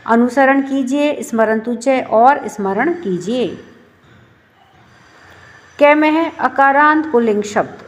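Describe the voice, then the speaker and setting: A woman with a high voice teaches a class. She explains patiently, poses questions and answers them herself, and recites word forms slowly one after another. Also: a little mellow, slight background noise.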